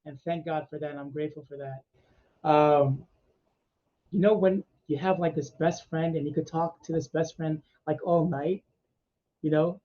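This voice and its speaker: A male meditation host chatting with his group on a video call, effusive and energetic. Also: a little high, measured pace. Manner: energetic, effusive, talks with laughs. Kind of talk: casual group chat after a meditation. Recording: slightly muffled video call audio.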